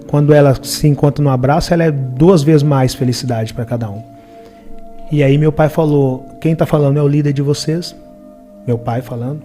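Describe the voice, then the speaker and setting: Middle-aged Brazilian man, Minas Gerais accent, warm and slightly high voice, earnest reflective storyteller. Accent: Brazilian Portuguese, Minas Gerais. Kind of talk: personal storytelling in an interview.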